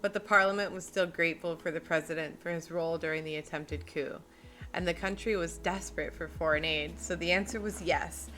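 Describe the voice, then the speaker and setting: Low-voiced woman reading a book aloud. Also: fairly even intonation, fairly quick, sharp tone, a little hiss or hum. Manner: reads steadily, breaks off into joking self-deprecating asides. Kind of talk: reading aloud with casual chat asides. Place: home streaming setup.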